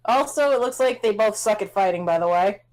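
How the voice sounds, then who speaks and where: A woman casually chatting and joking while streaming a co-op game, playful and animated. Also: mid-range voice, brisk, low-quality recording.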